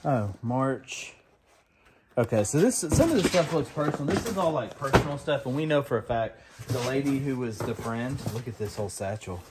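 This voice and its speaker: A man in his thirties digs through boxes, talking to his viewers in an eager, rambling way. His voice sits at an ordinary middle pitch, caught on a phone camera with loud paper rustling and clatter all around him. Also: normal speed, heavy background noise. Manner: excited, rambling, talks to viewers as y'all. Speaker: storage unit reseller host. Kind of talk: casual unboxing chat. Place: cluttered storage room full of boxes, indoors.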